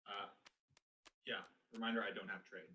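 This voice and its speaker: A man playing an online board game in casual voice chat, quick and agreeable. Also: fairly low pitch, level tone, sharp tone, breathy edge.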